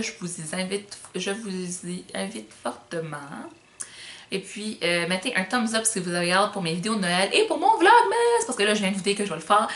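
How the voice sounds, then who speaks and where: A woman's voice: mid-range voice, a bit bright. Young female vlogger, light island Québécois accent, informal filler-heavy chat, roomy echo. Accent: Magdalen Islands Québécois French, light. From Magdalen Islands, Quebec. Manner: chatty, informal slang, many fillers. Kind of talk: casual Q&A chat to camera.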